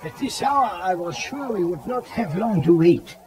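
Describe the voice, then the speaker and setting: A man playing a grave, authoritative elderly professor who hunts vampires, speaking deliberately and theatrically in an audio drama. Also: sits high, animated, a little mellow. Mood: urgent. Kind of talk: dramatized audio play acting. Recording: 1979 cassette audio drama, background bustle.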